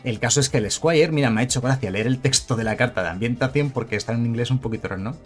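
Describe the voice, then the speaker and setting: A man talks through a card game on a casual live stream, his voice at an ordinary middle pitch. He rambles in a chatty way, wanders into asides and corrects himself often. Faint music plays quietly behind him. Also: very fast.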